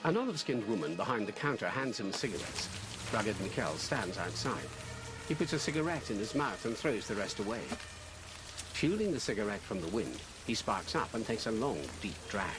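A man's voice: on the low side, big pitch swings, moderate pace. Male audio describer over prominent music. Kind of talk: scripted film audio description narration.

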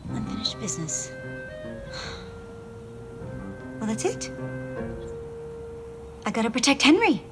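Drama ghost, sly bitter young woman, fairly high voice, sardonic, faint music behind. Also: sing-song, normal speed. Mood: sardonic, urgent.

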